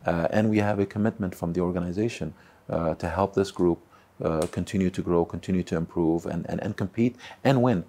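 A man in his forties, a club chairman in a sit-down interview, speaking haltingly with many repeats and fillers. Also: sits low, mellow. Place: indoor room by a window. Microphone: close mic, seated on camera.

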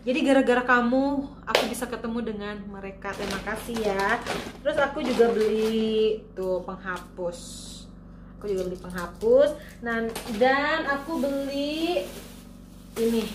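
A woman's voice: a little high, normal speed, roomy sound, noisy background. A woman from Indonesia chatting casually in a vlog, showing things she bought to the camera. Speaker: vlogger.

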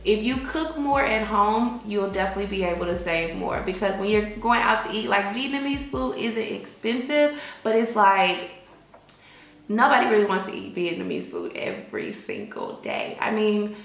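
A woman's voice: mid-range voice, fairly bright tone. Young woman, echoey room. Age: young adult. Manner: conversational, emphatic, peppered with "like" and "you know". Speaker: vlogger giving advice to expat English teachers. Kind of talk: casual advice chat to camera. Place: small indoor room with bare walls.

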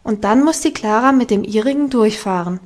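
Woman putting on a high eager little alpine girl, storybook, bossy and lively. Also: a little fast, natural voice. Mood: instructing. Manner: eager, bright and commanding.

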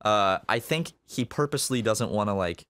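A man's voice: on the low side, lively intonation, moderate pace, a bit bright, clear, resonant tone, no room sound, studio quality. A man co-hosting a podcast, chatting casually and rambling through jokey stories. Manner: rambling, jokey, lots of likes and restarts. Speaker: podcast co-host. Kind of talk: casual chat.

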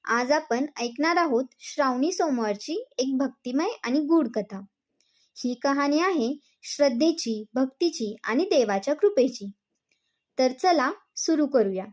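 A woman narrating a devotional folk tale as a storyteller, in smooth, even scripted narration. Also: high voice, unhurried.

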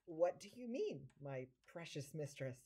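In an audio drama, a woman who acts as an amateur voices an impish devil posing as a scheming, fawning manservant, all theatrical flattery in early stage-comedy fashion. She sounds sly and coaxing, using a low, unhurried, slightly rough and exaggerated voice.

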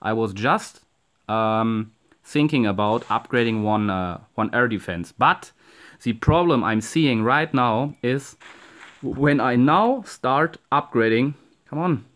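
Slow and expressive, with a mid-range, slightly bright voice, a young man with a German accent narrates his strategy game from home. He gets frustrated, swears at his troops and chats with viewers.

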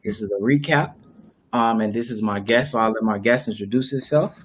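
With a lowish voice and a slightly quick delivery, the young host leads a casual discussion over a live video call. His webcam recording carries slight background noise as he explains at length, restarting often and using many fillers.

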